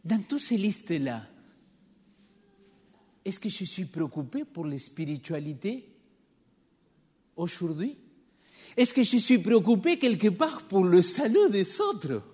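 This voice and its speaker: In a church hall full of long reverb, a man with a noticeable non-native French accent delivers a sermon, engaging his congregation through rhetorical questions. His high, sing-song voice is darkish and husky, a little slow, with long pauses.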